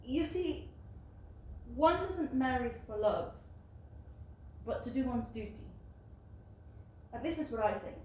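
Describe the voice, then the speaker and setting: A woman acting a gentle elder sister on stage, softly consoling and coaxing with light laughs. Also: high voice, lively intonation, slow, pauses often. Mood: tender. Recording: distant, echoey stage with faint noise.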